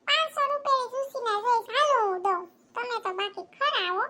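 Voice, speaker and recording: A woman's voice: very high voice, lively intonation, crowd noise. A woman voicing a chatty, boastful village housewife in a cartoon, with a Kathiawadi Gujarati accent. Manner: chatty, boastful, quick-tongued. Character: gossipy village housewife who lends money.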